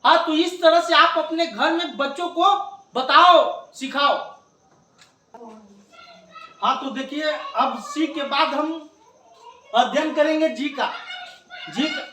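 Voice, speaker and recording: A man's voice: very high voice, takes it slowly, long pauses, bright, forceful tone, slight background noise. A man teaching English pronunciation at a board, drilling with repeated questions and coaxing the viewer. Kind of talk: classroom lesson at a board. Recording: echoey room, mic at a distance.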